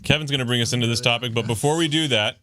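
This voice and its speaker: A man's voice: medium pitch, very fast, fairly bright tone, no room sound. A man co-hosting a casual live stream with friends, upbeat and laughing often. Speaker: podcast co-host.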